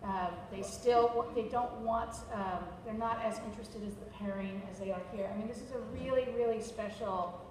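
A woman on a panel, adding quick, joking remarks. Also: mid-range voice, steady tone, noisy background. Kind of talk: panel discussion. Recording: echoey hall from far off.

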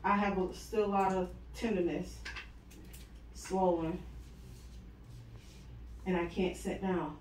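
A woman's voice: on the low side, steady tone, slow, long pauses, a little mellow. Woman talking through a face mask. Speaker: vlogger. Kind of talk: casual storytelling to camera. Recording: noisy background.

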